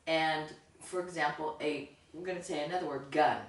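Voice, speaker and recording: A woman co-hosts a relaxed talk, walking through her points with examples and chiming in to agree. Her voice is on the low side and sounds set back from the mic in a reverberant room, with a faint hiss behind it. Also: fairly quick. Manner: explaining with examples, affirming. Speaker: co-host. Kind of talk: casual discussion. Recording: distant echoey room with faint noise.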